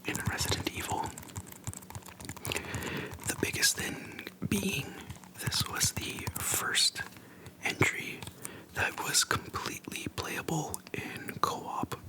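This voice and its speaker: This is a breathy, hushed whisper from an ASMR creator right up against the microphone, with slow, casual chat broken into brief, gentle phrases and pauses. Sound quality is low.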